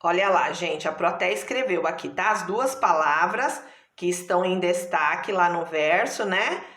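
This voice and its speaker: A Brazilian woman teaches a primary school lesson with a Brazilian Portuguese accent, speaking patiently and slowly, drawing out her syllables and checking in often. Her voice is fairly low and fairly bright, with a roomy sound.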